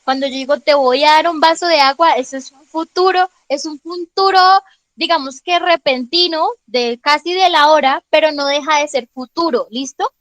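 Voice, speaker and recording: A woman's voice: high-pitched, normal speed, a bit bright, dry recording, rough recording. A woman teacher explaining grammar in an online class, patiently checking understanding with frequent questions and calling on students by name. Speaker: English teacher.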